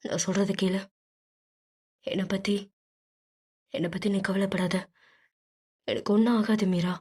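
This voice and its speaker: Woman narrator doing hurt brother telling his sister to run, quiet strained voice. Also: on the high side, husky. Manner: strained, urging. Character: badly wounded young man, protective brother.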